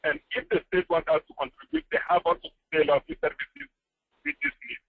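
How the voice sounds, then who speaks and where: A man speaking as a panelist over a choppy phone line that keeps breaking up, earnest and pausing often with fillers. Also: sits high, sing-song, creaky, breathy edge, no room sound. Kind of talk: panel discussion. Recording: tinny phone line cutting in and out.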